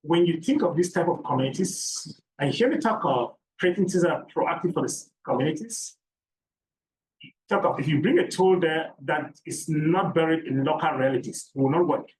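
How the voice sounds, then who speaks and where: In a lecture room, a man from Cameroon gives a seminar talk at a moderate pace, his fairly high voice carrying a darkish tone. As an academic presenter, he leans on repetition of key ideas and rhetorical questions. The sound is roomy and distant, with a little background noise.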